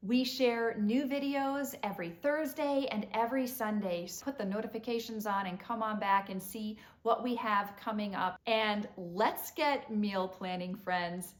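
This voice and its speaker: A woman's voice: medium pitch, steady tone, a little slow, few pauses, roomy sound. A woman vlogger in a casual, enthusiastic chat to camera, wandering off into side stories. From Vermont. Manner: chatty and enthusiastic, digresses. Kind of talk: casual vlog talk to camera.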